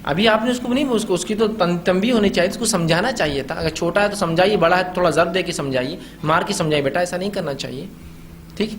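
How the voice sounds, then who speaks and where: A man's voice: high voice, few pauses, a little hiss or hum. A man giving informal advice on raising children, often checking in with his listeners and acting out what parents say. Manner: conversational, asks "ٹھیک؟" and "ہے نا؟" often; acts out parents' quoted lines.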